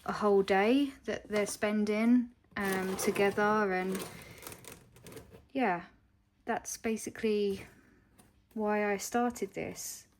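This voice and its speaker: A young woman from England talking to camera in a casual vlog, hesitant and heartfelt, with many pauses and ums. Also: medium pitch, steady tone, slight background noise. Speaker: vlogger.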